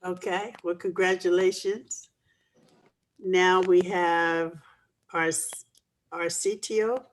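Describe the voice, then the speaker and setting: A woman's voice: on the low side, steady tone, slow, long pauses, low-quality recording. Chatty woman hosting a video call. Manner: friendly, chatty. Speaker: host. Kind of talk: casual virtual meeting.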